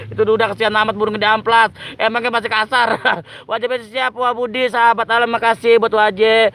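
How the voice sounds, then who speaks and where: A man's voice: very high voice, little pitch movement, normal speed, fairly bright tone. A man hosting a casual livestream outdoors by rice fields, reading viewer comments aloud and breaking into giggles. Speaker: livestream host. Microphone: phone on a tripod.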